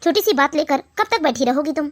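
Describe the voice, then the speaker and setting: A patient elder brother in an animated family drama, voiced by a performer. His very high voice stays calm and conciliatory. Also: fast. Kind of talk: animated cartoon voice acting.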